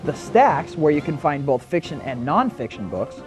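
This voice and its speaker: An actor playing a flamboyant carnival barker who presents information in showy announcer patter. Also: male voice, a little high, sing-song, normal speed, faint music behind. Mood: announcing. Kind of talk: scripted educational film.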